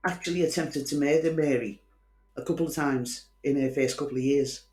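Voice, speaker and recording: Speaking in a rumbling low, darkish voice with reverb around it, a Scouse woman from Liverpool hosts a conversational true-crime show, narrating the case with wry, opinionated commentary.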